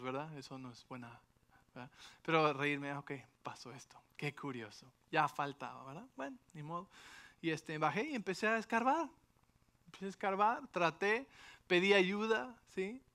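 Bright-voiced animated pastor. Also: male voice, fairly high pitch. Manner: animated storytelling with frequent rhetorical asides. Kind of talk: sermon with personal story.

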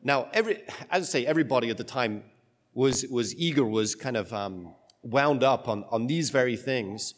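A man serving as priest reads the gospel and then preaches a homily in a conversational, halting way, with his voice carrying a long cathedral-like echo from the pulpit. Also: mid-range voice, lively intonation. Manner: conversational, halting, with many restarts. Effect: long cathedral-like church echo. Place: church, speaking from the pulpit. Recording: long reverb of a large church.

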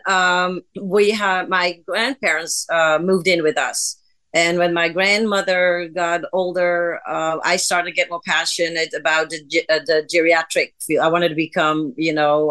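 A woman's voice: fairly low pitch, fairly bright tone. A woman from the Netherlands, a guest on an interview podcast, telling her story in a chatty way with fillers. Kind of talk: casual interview.

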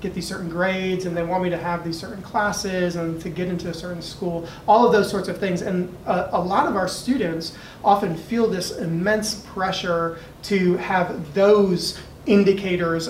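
A man's voice: high voice, steady tone, normal speed. American male moderator, earnest and thoughtful, off-mic in a reverberant room. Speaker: discussion moderator, educator. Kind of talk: thoughtful unscripted discussion. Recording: echoey room, distant mic, faint noise.

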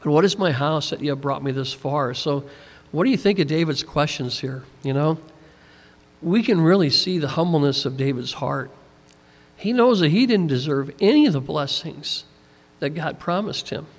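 A man's somewhat high voice carries through a large room with a long, trailing reverb. He preaches as an easygoing pastor, folksy and a little tired, scattering "you know" through his sentences. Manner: conversational, folksy, many "you know" fillers. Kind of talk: sermon.

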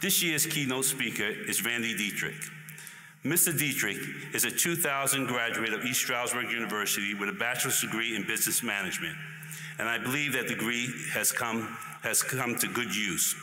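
A man giving a formal, measured introduction of a speaker at a ceremony. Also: mid-range voice, bright, forceful tone. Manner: measured, formal, read-out delivery. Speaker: commencement announcer introducing the speaker. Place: large ceremony hall with an audience. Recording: echoey hall, crowd and noise behind.

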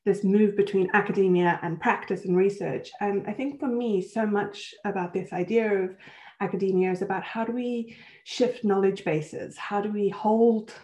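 Reflective woman guest with a mellow voice. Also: mid-range voice, fairly even intonation, normal speed. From South Africa and Switzerland. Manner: warm, reflective, laughs easily. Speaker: guest, senior lecturer in applied theatre. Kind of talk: conversational interview answers. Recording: roomy echo.

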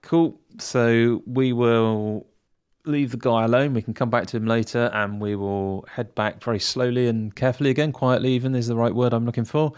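A man's voice: mid-range voice, fairly even intonation, moderate pace, darkish tone, smooth. A man playing a tabletop game, talking through his plans and repeating words as he goes. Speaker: player. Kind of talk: casual tabletop game play.

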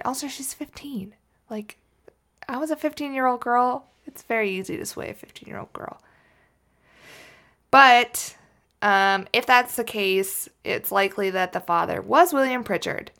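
A woman's voice: mid-range voice, gravelly, fairly bright tone. A woman co-hosting a casual true-crime podcast, rambling and joking and laughing often as she tells the case. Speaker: podcast co-host.

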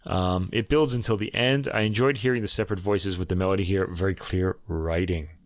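A man with a New York accent explains classical music in a relaxed, conversational way, with plenty of ums and restarts. His voice sits a little low. The sound is dry and close, with no room around it. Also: brisk, no echo. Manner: conversational, many fillers and restarts. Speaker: music review podcast host. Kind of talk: casual music commentary.

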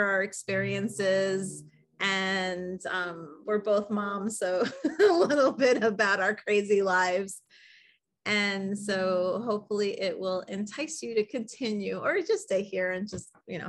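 A woman's voice: mid-range voice, pushed and bright. A woman co-hosting a podcast in a casual, chatty style. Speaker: podcast co-host. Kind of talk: casual chat.

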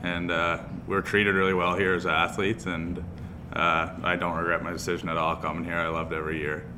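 A man's voice: low-pitched, flat delivery, brisk, noisy background. A man, answering interview questions casually as a student athlete. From Cape Breton, Nova Scotia. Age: 20s. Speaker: interview guest, university hockey player.

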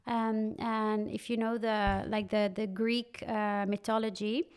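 Smooth-voiced young woman, animated and chatty. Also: mid-range voice, unhurried. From Netherlands. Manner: animated, laughing, many fillers. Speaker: guest, wine content creator. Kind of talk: casual interview chat.

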